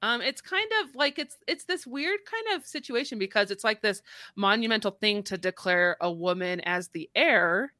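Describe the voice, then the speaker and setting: A woman's voice: medium pitch, expressive, moderate pace, sharp tone, dry recording, studio quality. A woman co-hosting a casual podcast chat, frank and playful, acting out quotes. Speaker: podcast co-host.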